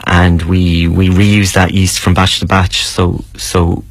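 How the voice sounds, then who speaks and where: Low voiced of bloke being interviewed, explains stuff, hesitant, dry close sound. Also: male voice, little pitch movement, slow pace, gravelly, dry recording. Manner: hesitant, explanatory, many repeated words. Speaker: brewer, interview guest. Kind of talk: casual interview answers.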